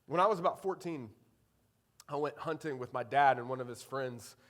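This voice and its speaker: A man's voice: medium pitch, normal speed, a bit bright. A man from preaching a sermon, telling a personal story in a conversational way with many fillers. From Eastern North Carolina. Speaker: pastor.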